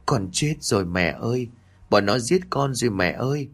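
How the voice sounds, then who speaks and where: A man's voice: mid-range voice, lively intonation, moderate pace, a bit bright, husky. A man voicing a mournful ghost of a murdered girl. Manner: mournful, lamenting.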